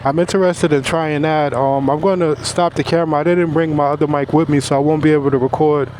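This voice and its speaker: A man's voice: fairly high pitch, fairly even intonation, fairly quick, darkish tone, a little hiss or hum. A man vlogging casually to his viewers outdoors at the roadside, talking through his thoughts. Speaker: motovlogger. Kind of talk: casual chat, summing up a gear test.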